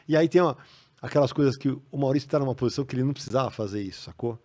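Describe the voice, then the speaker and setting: A man with a Brazilian Portuguese accent, a podcast guest telling stories in a casual, animated way. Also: mid-range voice, very fast. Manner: animated, acts out quoted voices. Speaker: podcast guest, comics writer. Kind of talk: casual storytelling. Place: podcast studio.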